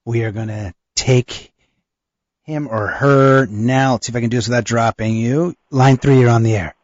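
A man with a smooth radio host delivery runs a call-in talk show. His voice is a little husky. The sound is dull and lo-fi and close and dry, with no room around it. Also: mid-range voice, steady tone, normal speed, no room sound.

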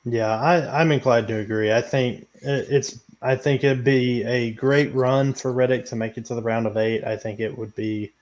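A man hosting a sports podcast, moderating the debate with frequent pauses and ums. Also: medium pitch, steady tone, darkish tone. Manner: hesitant, lots of ums. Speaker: podcast host.

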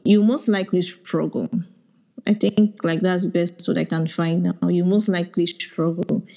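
A Nigerian woman, a product manager, giving reflective career advice in a casual audio chat, often pausing to search for words. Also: on the low side, fairly even intonation, gravelly, dark tone, low-quality recording. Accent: Nigerian English.

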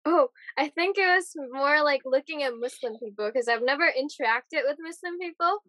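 A woman's voice: sits high, normal speed, pushed and bright, no room sound. A young woman from Japan chatting casually as a podcast guest, trailing off with fillers. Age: young adult. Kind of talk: casual conversation.

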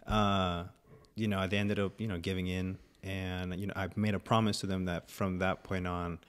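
A young man from Venezuela with a very deep voice talks as a podcast guest. He rambles loosely and leans on fillers, keeping a relaxed, easygoing tone throughout. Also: normal speed, clean tone. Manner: laid-back, rambling with many fillers. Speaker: guest photographer. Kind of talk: casual podcast chat.

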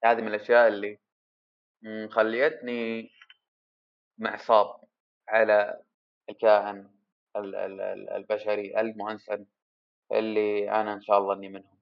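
A man's voice: lowish voice, monotone, normal speed, gravelly, pauses often, dull audio. A man hosting a solo podcast, rambling and self-deprecating as he thinks aloud. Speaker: podcast host. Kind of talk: casual solo podcast monologue.

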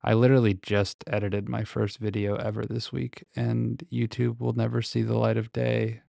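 A man's voice: mid-range voice, little pitch movement, moderate pace, creaky, dark tone, no room sound. A man recording a casual, reflective solo podcast monologue very close to the microphone, speaking in a hesitant, introspective way. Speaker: podcast host.

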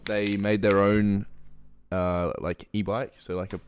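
A man's voice: fairly low pitch, flat delivery, unhurried, slight background noise. A man, co-hosting a casual podcast, laid-back with short replies and news headlines read aloud. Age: late teens. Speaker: podcast co-host.

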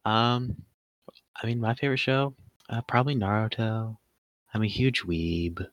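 Low-voiced young man joking on a podcast. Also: steady tone, measured pace, a bit bright, no room sound, muffled recording. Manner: joking, laughs often, rambling. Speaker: podcast co-host. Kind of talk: casual podcast chat.

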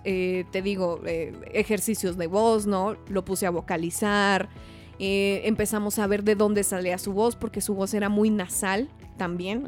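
A woman from Chihuahua, hosting a podcast in lively, slangy casual chat with faint music behind. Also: medium pitch. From Chihuahua, Mexico. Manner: chatty, animated, laughs often, slangy. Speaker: podcast host.

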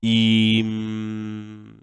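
A man's voice: fairly low pitch, completely flat delivery, drawn-out words, clear, resonant tone, no room sound. A young man with a Portugal accent hosting a casual solo podcast, rambling in slang with constant fillers. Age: young adult. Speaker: podcast host.

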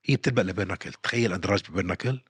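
A man's voice: sits low, very fast, slightly rough, no room sound, clean studio sound. A man, co-hosting a casual sports podcast and emphatically repeating his points. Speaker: podcast co-host.

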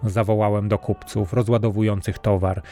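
A man reading a fairy tale as scripted storybook narration, calm and even. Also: fairly low pitch, normal speed, faint music behind. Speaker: audiobook narrator.

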